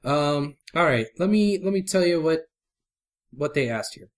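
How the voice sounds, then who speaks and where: A man co-hosting a casual podcast, talking fast and laughing a lot as he teases his partner. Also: on the high side. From Houston area. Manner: animated, laughs a lot, teasing. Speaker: podcast co-host.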